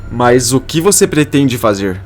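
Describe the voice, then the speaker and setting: A man voicing a calm, supportive young man in a narrated soap opera summary. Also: medium pitch, measured pace, slight background noise.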